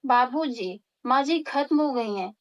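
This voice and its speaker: A woman voicing a cheeky, lazy young daughter-in-law who makes sly, deadpan comebacks. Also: sits high, a little slow, muffled recording.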